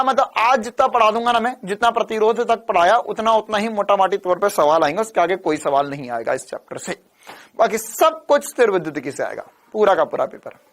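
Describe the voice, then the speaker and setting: Playful, energetic male physics teacher. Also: high voice. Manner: energetic, playful, teases and answers his own questions. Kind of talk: online exam-prep lecture.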